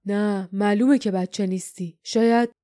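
A woman voicing a stern, cool-headed older male leader, speaking calmly and gruffly with a dry, sardonic edge. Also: medium pitch, dry recording, lightly acted. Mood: wry.

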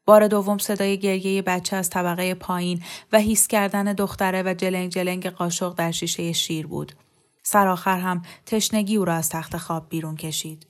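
Calm woman reading a novel aloud. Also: lowish voice. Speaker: audiobook narrator. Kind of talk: scripted narration.

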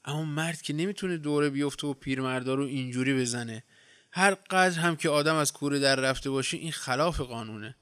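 A man's voice: mid-range voice, a bit bright, clean tone, no echo, studio quality, close to an everyday voice. Man voicing an exasperated, scolding farmer. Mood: reproachful. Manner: scolding, short-tempered. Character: exasperated farm-owning man.

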